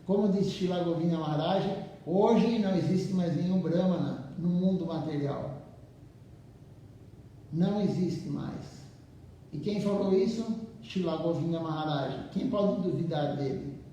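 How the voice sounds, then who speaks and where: A man giving a slow, halting devotional talk in a temple, often repeating words as he reads and comments. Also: high voice, mellow, a little hiss or hum. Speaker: temple speaker. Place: temple hall. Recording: very echoey room, far from mic.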